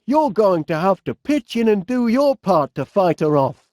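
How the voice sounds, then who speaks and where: Here an actor voices a middle-aged inventor, cheerful yet fussy and forgetful, speaking with a Northern English accent in an animated comedy game. His male voice sits high and moves at normal speed as he urges someone on in a fluster, chatty, polite, hesitant and bumbling. The sound is dry and studio-clean.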